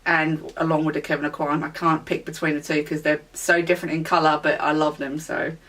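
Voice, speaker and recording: A woman beauty vlogger in a relaxed, chatty product review, with plenty of ums and small self-corrections. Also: low-pitched, brisk, recorded from a distance. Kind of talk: casual product review chat.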